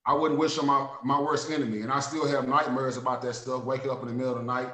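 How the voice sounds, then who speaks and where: A man's voice: medium pitch, little pitch movement, fast, sharp tone, echoey room, rough recording. A man in his thirties from Dallas, Texas, with a Dallas accent, guesting as an author and talking in an earnest, streetwise, repetitive way. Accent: Southern US, Dallas. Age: 30s. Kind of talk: casual interview talk. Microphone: video call.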